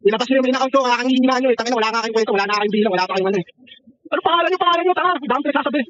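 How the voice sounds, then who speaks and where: A man's voice: very high voice, racing, a bit bright, dull audio. A man trash-talking other players over game voice chat, mocking and taunting them, laughing often and swearing freely. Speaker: online gamer.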